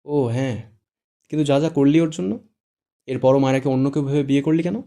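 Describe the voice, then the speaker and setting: A man voicing a playful young man who teases and exclaims in quick quips, read as audiobook dialogue. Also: mid-range voice, close to an everyday voice. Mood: teasing. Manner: teasing, exclaiming, lively quips.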